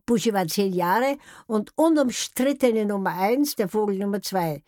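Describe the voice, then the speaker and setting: A woman's voice: mid-range voice, a little mellow, dry recording, studio quality. An older woman telling personal memories in a wry, anecdotal way. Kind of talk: memoir storytelling.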